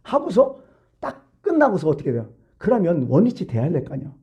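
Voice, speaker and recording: A man's voice: sits high, wildly swooping pitch, fairly quick, mellow, muffled recording. A middle-aged male pastor giving a sermon in a colloquial, storytelling way, full of rhetorical questions.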